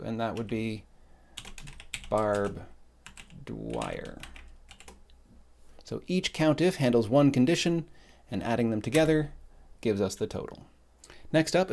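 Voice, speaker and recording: A man explains a spreadsheet lesson step by step in a calm, methodical voice. His pitch sits in the middle of the range. Keyboard typing comes and goes behind him as he works. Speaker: instructor. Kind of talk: screen-recorded spreadsheet tutorial.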